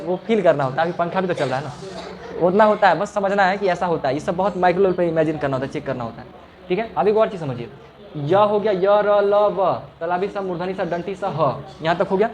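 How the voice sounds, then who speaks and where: A man's voice: sits high, a little fast. A male teacher giving a classroom lesson, patiently explaining and repeating each sound for the students. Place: classroom with a fan running.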